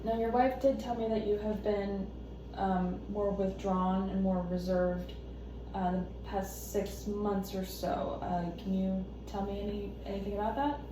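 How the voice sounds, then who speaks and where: A calm, supportive female therapist, played by a woman in a role-play, recorded from far off in a very echoey room. She probes gently and a little hesitantly, with clear background noise behind her. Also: medium pitch, unhurried, hardly any pauses, close to an everyday voice. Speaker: therapist on a home visit. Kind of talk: role-play counselling session. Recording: echoey room, distant mic, noisy background.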